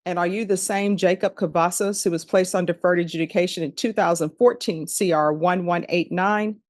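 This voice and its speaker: A woman judge in a courtroom recording, formally reading case numbers and charges in a measured, procedural way. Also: on the low side, fairly even intonation, a little mellow, no echo. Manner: measured, procedural, repeats formulaic questions.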